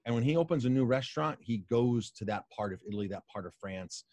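A man's voice: medium pitch, animated, fast talker, darkish tone, no echo. A middle-aged American man hosting a casual interview in a wordy, effusive conversational way. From Colorado, United States. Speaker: interview host.

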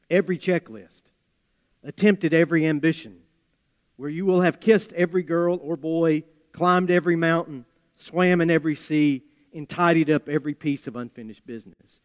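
A male preacher with an Appalachian accent delivers a sermon in a somewhat high voice. His phrasing is deliberate and emphatic, with folksy storytelling touches. The sound carries the long reverb of a large hall. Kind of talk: sermon with scripture reading and storytelling.

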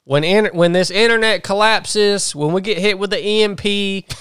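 A man's voice: high voice, normal speed, fairly bright tone, clear, resonant tone, dry recording, clean studio sound. A man hosting a podcast, ranting bluntly and restarting his sentences. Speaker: podcast host. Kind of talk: casual chat.

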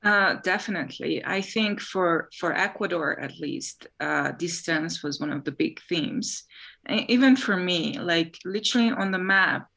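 A woman from Hungary speaks as an interview guest, a science journalist telling stories from her reporting with quick asides. Her voice sits a little low for a woman. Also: animated, vocal fry, pushed and bright.

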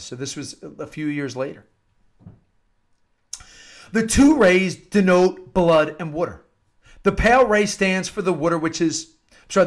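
This is an informal devotional talk from a high-voiced man from the United States, complete with scripture-like readings. He preaches earnestly and emphatically, driving points home by repeating phrases.

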